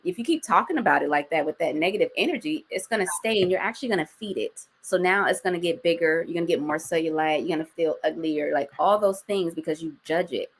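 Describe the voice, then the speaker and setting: A woman's voice: fairly low pitch, fast talker, few pauses, slightly rough. Outspoken woman in her forties. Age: 40s. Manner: outspoken, slangy, swears freely. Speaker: guest. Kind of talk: casual interview chat.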